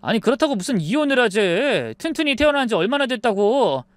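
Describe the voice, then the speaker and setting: A woman's voice: fairly high pitch, sing-song, fairly quick, no room sound, pitched above the performer's own voice. A woman voicing an angry young husband. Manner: irritated, demanding. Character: angry young husband siding with his mother.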